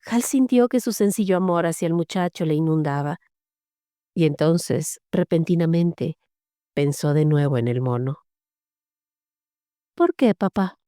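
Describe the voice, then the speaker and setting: A woman reading a horror story aloud as an audiobook narrator, steady and measured. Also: sits low, no room sound, clean studio sound.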